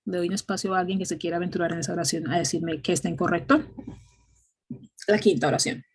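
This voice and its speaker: A woman's voice: lowish voice, fairly even intonation, fast, slightly rough. A woman teaching an English grammar class, explaining patiently step by step and often checking in with "ok?".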